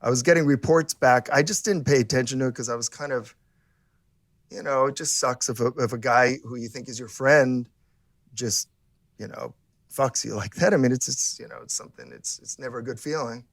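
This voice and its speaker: A man's voice: mid-range voice, brisk, dry recording, studio quality. A man co-hosting a podcast, talking casually and rambling with many restarts and fillers. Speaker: podcast co-host. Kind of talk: casual conversation.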